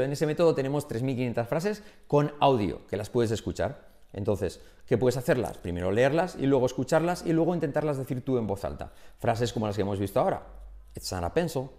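A man from Spain with a Spain Spanish accent and a medium-pitched voice teaches English pronunciation in an energetic online lesson, drilling example phrases aloud.

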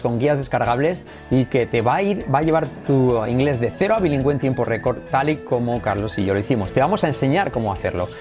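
A man with a Spanish accent from Spain hosts a casual English lesson. He repeats English phrases slowly so the learner can copy how they sound. Faint music plays softly behind his voice. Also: on the high side. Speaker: English teacher and channel host.

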